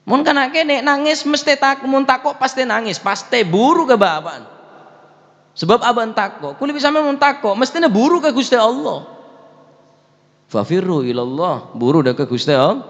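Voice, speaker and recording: Man, preacher, sermon, regional words mixed in, highly varied pitch, dull audio, long hall echo. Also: big pitch swings, normal speed. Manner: mixes Madurese and Javanese words into Indonesian, recites Arabic; swings from loud high exclamations to low quiet asides. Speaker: preacher teaching a religious text. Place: prayer room.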